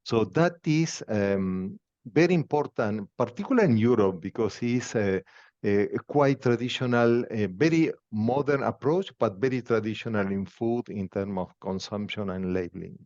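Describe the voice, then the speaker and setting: Man, Argentine Spanish accent, podcast host, measured pausing speech, dull lo-fi call audio. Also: lowish voice, darkish tone. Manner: measured, non-native phrasing with pauses. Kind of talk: conversational interview.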